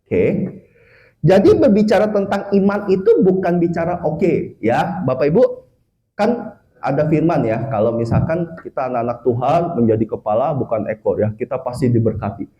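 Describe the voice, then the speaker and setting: A male evangelist gives a chatty sermon at an office worship service. His voice sits high and swings widely in pitch. It keeps a mellow tone, and he checks in with his listeners constantly. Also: moderate pace, dull audio. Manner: lively, conversational, frequent "oke" and "ya" tags, mixes in English words. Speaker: evangelist preacher.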